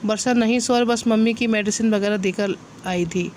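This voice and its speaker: A woman voicing a spirited young woman who is quick to take offense, in a storybook reading. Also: medium pitch, slight background noise, lightly acted. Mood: huffy. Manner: huffy, lively.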